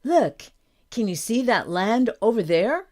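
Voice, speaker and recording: A woman reading aloud and voicing an eager young farm girl in a storybook, her voice raised and excited. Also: mid-range voice, measured pace. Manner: raised, bright and excited delivery.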